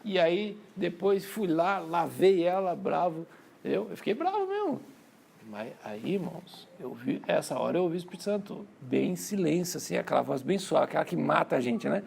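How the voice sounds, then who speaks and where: Here a preacher with a Brazilian Portuguese accent talks at normal speed in a fairly high, animated, gravelly voice with a darkish tone and a faint hiss or hum. At the church conference he chats and tells stories, repeating himself, addressing the crowd as brothers, and acting out family quotes.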